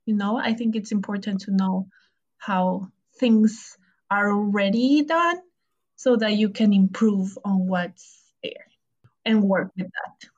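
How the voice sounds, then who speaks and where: A young woman from Ecuador answers interview questions slowly, pausing and restarting as she thinks. Her voice sits at a middle pitch, and the recording has a slightly muffled, lo-fi quality. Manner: hesitant, with fillers and restarts. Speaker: podcast guest, architecture graduate student.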